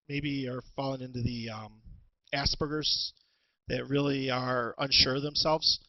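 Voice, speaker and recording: Halting man giving a webinar lesson. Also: mid-range voice, no echo, highs cut off. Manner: halting, many ums and restarts. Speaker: webinar presenter, special education teacher. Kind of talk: instructional webinar talk. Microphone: headset with headphones.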